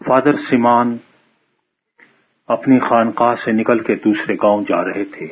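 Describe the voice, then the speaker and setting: Husky man telling a story on radio. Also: medium pitch. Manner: lively, conversational storytelling. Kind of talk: spoken story retelling. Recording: muffled phone-like radio sound.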